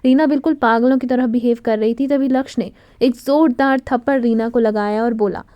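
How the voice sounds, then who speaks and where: A woman storyteller giving an expressive, dramatic reading of a scripted romantic story. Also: on the high side, fairly quick, no echo, muffled recording.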